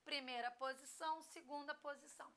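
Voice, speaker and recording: A woman's voice: sits high, fairly even intonation, fairly quick, fairly bright tone. A woman teacher giving a recorded grammar lesson, spelling out word endings letter by letter and checking in often with short questions.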